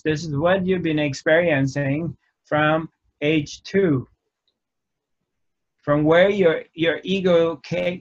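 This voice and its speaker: A spiritual teacher in his fifties speaks to camera in a dark indoor room, his voice a little high. His talk is slow and halting, and he often restarts his phrases. The sound is dull and lo-fi.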